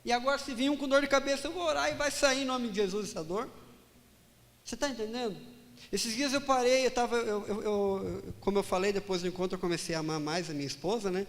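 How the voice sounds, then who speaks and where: A pastor telling a personal story in a sermon, animated and dramatic, acting out the dialogue. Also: male voice, high-pitched, fast talker, big-room sound.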